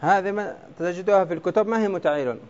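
A man's voice: high-pitched, fast talker, darkish tone. A man teaching a class on Arabic prosody, explaining step by step and quizzing his students with questions. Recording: dull lo-fi classroom recording.

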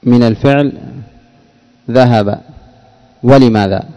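Male grammar teacher, mellow low voice. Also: slow, muffled recording. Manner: quizzing students by name, explaining patiently. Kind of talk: classroom lesson with questions to students.

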